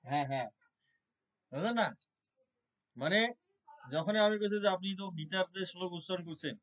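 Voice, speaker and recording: High, bright-voiced man chanting prayers. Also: lively intonation, poor audio. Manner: loud, measured, one word at a time when chanting. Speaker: Gita devotee leading prayers. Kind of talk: chanted Sanskrit prayers and informal religious talk.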